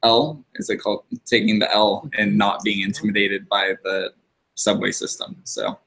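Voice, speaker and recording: A man with a somewhat low voice leads a casual contributors meeting. He's from California and talks in a relaxed, friendly way, with plenty of uhs and ums. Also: normal speed, creaky, breathy edge, low-quality recording. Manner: relaxed, filler-heavy, friendly. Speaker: meeting host.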